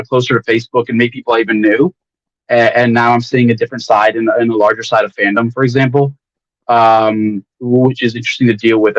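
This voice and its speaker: A man's voice: mid-range voice, no room sound. Man in candid chat, slightly muffled audio. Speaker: guest author. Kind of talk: casual livestream conversation.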